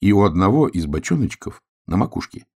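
A man's voice: deep voice, sing-song, fairly quick, warm tone. A man reading a children's storybook aloud, narrating expressively.

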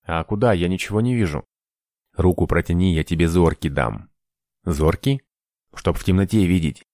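A sullen, terse trapper, read by a man in an audiobook, speaking in clipped, gloomy orders. His voice sits low and dark. The sound is dry and close. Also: moderate pace, no room sound. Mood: brusque. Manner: gloomy, curt commands. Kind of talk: audiobook character voice.

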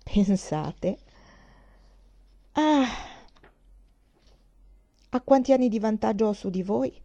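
A woman reading the part of a witty young gentleman who teases playfully and ironically. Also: mid-range voice, slow, dull audio. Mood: teasing.

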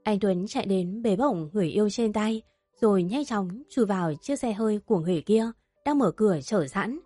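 A woman narrates a melodramatic family story with steady, emotive delivery at a middle pitch. The sound is dry and close, with soft music running faintly underneath. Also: moderate pace, dry recording.

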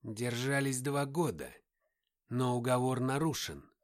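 A cold inhuman male being that drags out every word with a hiss, as a male audiobook reader puts him on. The delivery is slow and deliberate, and it sounds threatening. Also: medium pitch, animated, close to an everyday voice. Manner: slow, hissing, deliberate speech. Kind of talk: audiobook character voice.

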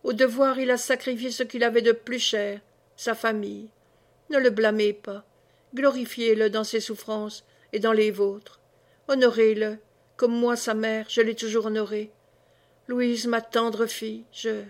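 A frail, dying old mother speaking her last words , as a woman reader voices her. Her voice is hushed and weak yet grave, sitting fairly high with a flat, even melody. It comes from a read-aloud historical novel. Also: unhurried. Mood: grave, faint. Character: dying elderly mother-in-law, faint and solemn.

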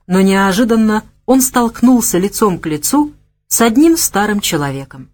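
Reading an audiobook aloud, a woman uses a mid-pitched voice and a steady, expressive delivery that follows the script.

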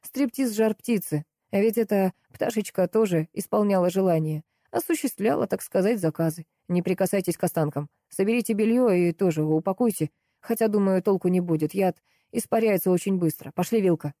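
A woman's voice: mid-range voice, a little fast, few pauses, mellow, dry recording, studio quality, natural voice. Woman reading as a curt commanding man. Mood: explaining. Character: brusque man, commanding and wry.

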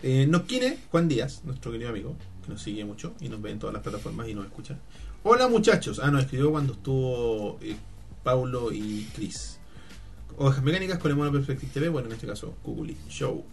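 A man's voice: medium pitch, expressive, fairly quick, gravelly, darkish tone, soft background music. A Chilean man hosting a podcast, reading listener messages aloud and chatting casually with friends, laughing often. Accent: Chilean Spanish. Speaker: podcast host. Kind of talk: casual chat.

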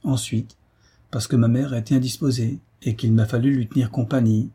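A man's voice: mid-range voice, fairly even intonation, normal speed, warm tone, husky. A man voicing a grave, worried young cavalry officer who speaks in a subdued way, in a read-aloud historical novel.

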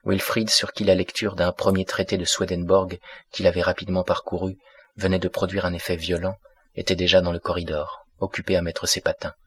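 A man narrating a classic novel as an audiobook in a measured, steady way, close to the mic. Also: sits low, breathy edge, no echo.

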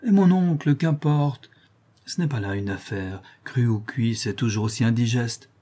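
A man voicing a cool, aloof young woman who speaks in a detached, measured way. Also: mid-range voice, dark tone, natural voice. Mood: dismissive.

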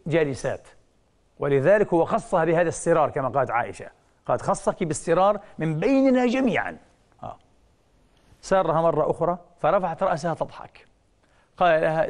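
A man giving a religious lecture, telling stories with sudden rises and hushed drops, asking questions he answers himself and often saying "aah". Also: on the high side. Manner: punctuates with frequent "aah". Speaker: preacher.

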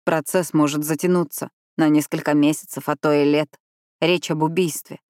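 Lady reading a crying young guy, lowish voice, dry sound. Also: level tone, moderate pace, a little mellow, dry recording, close to an everyday voice. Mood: broken. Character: distraught young man pleading.

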